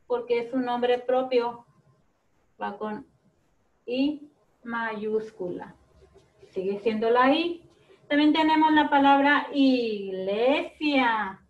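Woman teacher, high voice, very slow gentle pace, off-mic in an echoey room. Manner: very slow and gentle, explaining to small children. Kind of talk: children's phonics lesson video. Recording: roomy, distant, lo-fi classroom audio.

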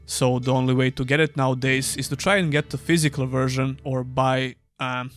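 A man's voice: medium pitch, level tone, fairly quick, soft background music. Sarcastic young man reviewing games. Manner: dry, sarcastic. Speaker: gaming YouTuber. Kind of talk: scripted game review voice-over.

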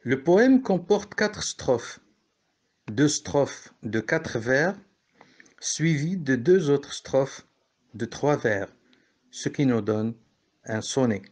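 Slow, methodical male French teacher. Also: medium pitch, animated, a little mellow. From Morocco. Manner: slow, explains step by step, corrects himself. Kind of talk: classroom lesson on poetry.

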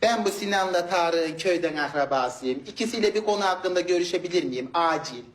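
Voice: mid-range voice, expressive, brisk, pitched below the performer's own voice, close to an everyday voice. A performer voicing a polite man from the village who asks the teacher for an urgent word, heard with echo. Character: grown male village relative, polite and urgent. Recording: echoey.

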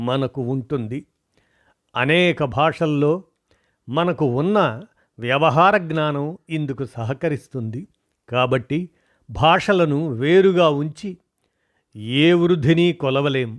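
A man reading an essay aloud in formal, measured narration, phrase by phrase. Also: fairly high pitch.

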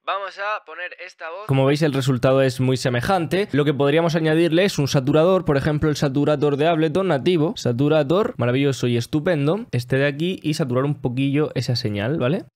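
A man's voice: a little high, quick pace, few pauses. Casual man explaining vocal mixing. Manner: relaxed, colloquial, addresses viewers directly. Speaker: music mixing instructor.

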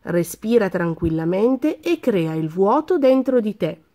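A woman voicing a calm male animal friend who teaches yoga in a storybook. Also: mid-range voice, unhurried. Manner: calm and instructive.

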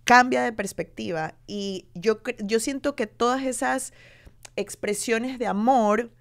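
Speaking unhurriedly in a gravelly, fairly high voice, an Ecuadorian TV presenter in her thirties tells her story candidly during an interview. Her storytelling is animated, and she acts out the voices of people she quotes.

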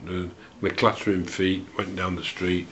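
A man in his sixties telling a personal memory, unhurried and hesitant, with a dry, wry humour. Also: low voice, little pitch movement, background noise. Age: 60s. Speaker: storyteller recalling a student memory. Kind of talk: unscripted spoken memoir. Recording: dull lo-fi home recording.

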